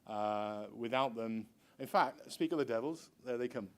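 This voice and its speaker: A middle-aged man who is a university researcher, giving a conference presentation in an informal, hesitant, halting way. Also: medium pitch. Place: lecture room with seated audience.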